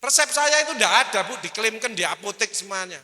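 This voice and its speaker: A middle-aged man, a doctor giving an animated, joking seminar talk to an audience. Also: high voice, quick pace. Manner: animated, joking, slips into Javanese phrases. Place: auditorium before an audience. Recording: reverberant hall.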